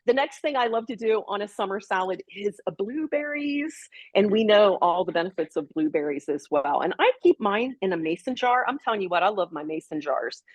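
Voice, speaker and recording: Husky woman chatting through a cooking demo. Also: medium pitch, expressive, a little fast, hardly any pauses, no room sound. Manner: chatty, explains step by step while preparing food. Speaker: co-host. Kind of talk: casual cooking demo chat.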